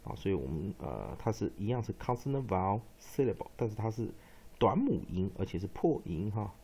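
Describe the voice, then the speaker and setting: A man with a Taiwanese Mandarin accent teaching English phonics, who drills syllables slowly and repeats each word many times. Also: on the low side, big pitch swings, creaky, mellow, slightly rough. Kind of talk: phonics lesson. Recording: dull lo-fi recording.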